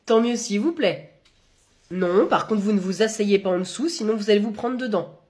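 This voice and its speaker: A woman performing comedy sketches, talking in a lively, exasperated scolding way. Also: medium pitch, normal speed.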